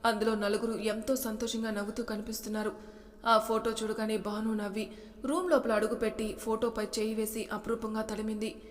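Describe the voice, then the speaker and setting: A woman narrating a romance story, reading every character's lines herself. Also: fairly high pitch. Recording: long hall reverb.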